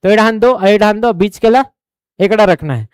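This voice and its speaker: A man's voice: sits high, normal speed, clean tone, no room sound, clean studio sound. A man with a Chhattisgarhi accent teaching an exam coaching class, drilling numbers over and over and often asking if the students follow.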